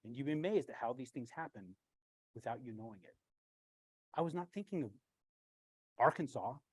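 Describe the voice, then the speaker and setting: A man, a branch manager, giving a blunt, animated storytelling talk with frequent swearing and a husky voice. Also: mid-range voice, normal speed, low-quality recording.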